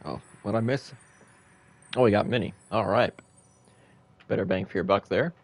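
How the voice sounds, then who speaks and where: A man with a fairly low voice talks through a live game stream, narrating each step as he sets it up. He keeps it loose and casual, musing aloud and laughing at his own stumbles. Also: moderate pace. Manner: casual, thinking aloud while building, chuckling at himself. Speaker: gaming livestreamer. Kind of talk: live gameplay commentary.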